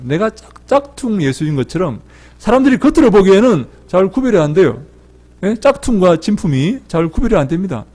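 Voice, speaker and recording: A man preaching a sermon as pastor, animated, swinging from loud calls to soft asides, telling personal stories and joking with the congregation in church. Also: sits high. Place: church sanctuary.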